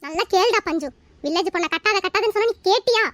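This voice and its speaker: A woman voicing a sharp-tongued, taunting mother-in-law in a family comedy skit. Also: extremely high pitch, fast talker, no echo. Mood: scornful. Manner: taunting, bossy.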